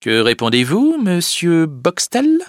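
Guy doing a stern prince voice, commanding and slow, very expressive, dry. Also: fairly high pitch, no room sound, voice pushed up, full character voice. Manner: commanding, measured. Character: stern, composed prince presiding a hearing.

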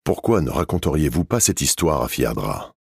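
A man's voice: very deep voice, sing-song, creaky, husky, no echo, studio quality, heavily acted. A man voicing an ironic old priest. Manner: ironic, measured. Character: ironic older abbé, brother of the hostess.

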